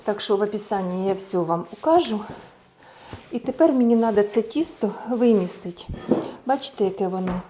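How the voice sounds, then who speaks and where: A woman's voice: mid-range voice, lively intonation, brisk, noisy background. A woman giving a casual cooking tutorial, chatting through each step as she works and mixing Russian words into her speech. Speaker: home cook showing a recipe.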